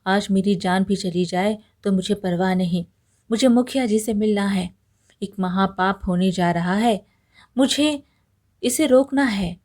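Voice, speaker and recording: A woman's voice: medium pitch, unhurried, a little mellow, lightly acted. A woman voicing a brave, loyal young woodcutter who speaks with urgent conviction. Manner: urgent, pleading.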